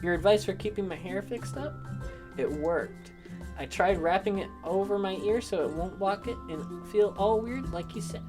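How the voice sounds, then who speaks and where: A woman voicing a gentle, shy teenage girl classmate who talks in a soft, hesitant, rambling way. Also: medium pitch, normal speed, pitched above the performer's own voice, lightly acted. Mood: hopeful. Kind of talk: visual novel character reading. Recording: music behind the voice.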